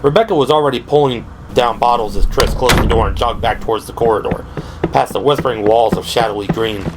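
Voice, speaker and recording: Speaking at medium pitch and a slightly quick pace, this man narrates a scripted horror audio drama with dramatic delivery. Ambient sound effects play behind him, and the background is clearly noisy.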